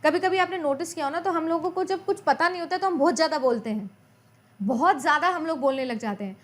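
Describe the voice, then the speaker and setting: In a high voice with a quick pace, a woman chats her way through an exam-prep lecture. Her points get repeated frequently, questions go out to her students as she teaches, and Hindi and English terms are mixed together.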